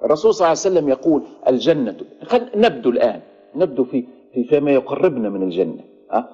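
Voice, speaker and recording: Male Libyan preacher, conversational lesson delivery, rapid-fire with a raspy edge. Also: mid-range voice, animated, dark tone. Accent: Libyan Arabic. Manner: conversational preaching with rhetorical questions. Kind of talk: religious lesson. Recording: dull lo-fi recording.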